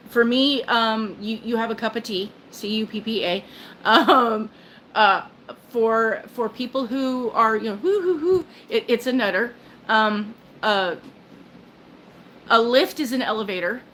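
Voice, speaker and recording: A woman's voice: a little high, pushed and bright, slight background noise, poor audio. An older woman hosting a casual livestream chat, rambling along with lots of fillers, restarts and little laughs. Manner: rambling, chatty, self-interrupting with fillers and laughs. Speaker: livestream host. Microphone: phone.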